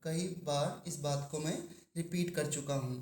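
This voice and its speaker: A man teaching chemistry to a class, asking the students questions and drawing out key terms slowly. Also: fairly high pitch, darkish tone, roomy sound. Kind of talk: classroom lecture.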